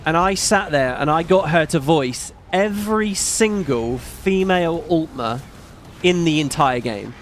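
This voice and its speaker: This middle-aged man with a British accent is live streaming and chatting loosely, wandering off topic and cursing casually. He sounds animated but talks a little slowly in a fairly high, non-macho voice, over a faint hiss or hum.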